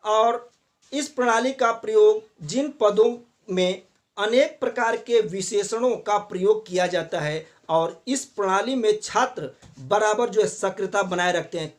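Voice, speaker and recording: A man teaching a college class, explaining points step by step and repeating filler phrases often. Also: high voice. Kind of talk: classroom lecture on Hindi pronunciation.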